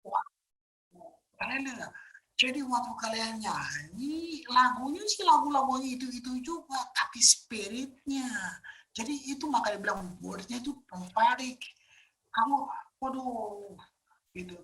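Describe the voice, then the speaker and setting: A woman pastor giving a casual, emphatic sermon, often sinking into a hushed whisper. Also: fairly high pitch, lively intonation, a little slow, rough recording. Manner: casual conversational preaching with fillers.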